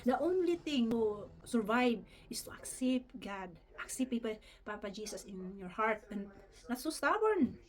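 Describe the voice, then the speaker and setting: A woman's voice: a little high, very animated. A woman vlogger telling a story in a casual, earnest way, often addressing her viewers as "guys" and mixing English into her talk. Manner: fast, earnest, keeps saying "guys", mixes English in.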